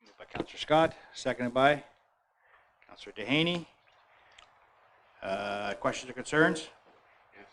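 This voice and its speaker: A man chairing a town council meeting, running through motions briskly with fillers and restarts. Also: mid-range voice, expressive, a bit bright, poor audio.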